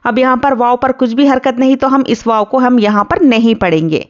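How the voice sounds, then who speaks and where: A woman teaching tajweed, patiently explaining each rule word by word and reciting the verses slowly and drawn out. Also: a little high, dull audio.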